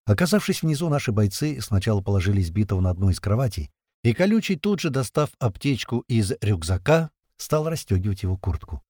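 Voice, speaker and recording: Husky-voiced man narrating an audiobook. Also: fairly low pitch, brisk, dry recording, clean studio sound. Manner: steady storytelling, tense and vivid.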